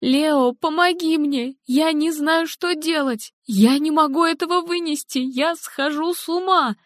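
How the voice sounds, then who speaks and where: A woman's voice: high-pitched, a little slow, dry recording, clean studio sound, pitched above the performer's own voice. A woman reading an audiobook, voicing a frantic, grieving young mother who is near-hysterical and sobbing. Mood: desperate.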